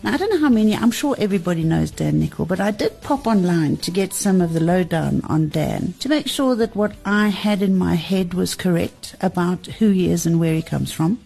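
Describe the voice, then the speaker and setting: A woman's voice: fairly low pitch, lively intonation, a little fast, vocal fry, hardly any pauses, mellow, breathy edge, soft background music. A middle-aged woman hosting an interview show, chatting playfully and laughing often. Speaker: podcast host.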